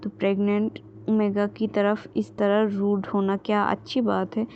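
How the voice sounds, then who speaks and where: A woman's voice: medium pitch, completely flat delivery, unhurried, close to an everyday voice. A woman voicing a stern but caring female college principal who speaks firmly in a story retelling. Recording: dull lo-fi with faint ambient noise.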